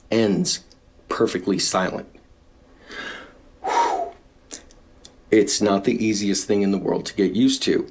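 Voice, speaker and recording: Lower-pitched male vocal coach, instructive lesson delivery with demo gasps. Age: adult with young daughter. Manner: instructive, demonstrates breathing with audible gasps. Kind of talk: singing lesson explanation.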